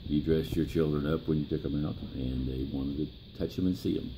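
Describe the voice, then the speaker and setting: An old American man with an extremely low voice full of gravelly creak. He reminisces plainly and haltingly, pausing mid-phrase. Clear background noise sits behind him. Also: fairly even intonation. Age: 70s or older. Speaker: interviewee, grandfather. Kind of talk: reminiscing in an interview.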